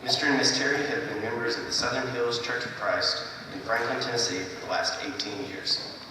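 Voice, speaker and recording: A man's voice: mid-range voice, fairly even intonation, a little fast, bright, forceful tone. A man reading a formal scripted introduction of a guest speaker. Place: large echoing hall. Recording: echoey hall, distant mic, noisy.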